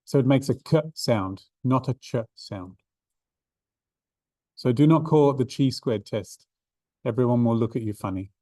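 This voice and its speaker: A man's voice: mid-range voice, normal speed, long pauses, dark tone, no room sound. A man giving a revision seminar to statistics students, talking casually with many ums and restarts. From Australia. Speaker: maths tutor. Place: university classroom.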